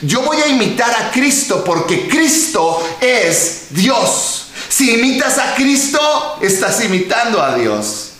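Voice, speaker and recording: A man preaching a sermon as pastor, emphatic, with rhetorical questions and drawn-out words. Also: very high voice, sing-song, a bit bright. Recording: very echoey hall.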